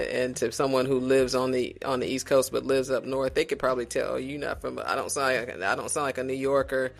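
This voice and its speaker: Man, from South Carolina, podcast guest, gravelly, reflective, restarts often, faint music behind. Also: medium pitch. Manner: reflective, unhurried, with frequent restarts. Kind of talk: casual conversation.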